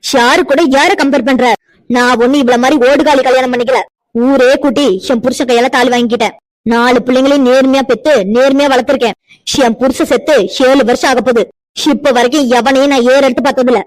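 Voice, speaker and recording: A woman voicing a harsh, scornful older widowed mother-in-law in a cartoon, loud and insulting. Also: high-pitched, fast, dry recording, close to an everyday voice, low-quality recording. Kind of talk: cartoon voice acting.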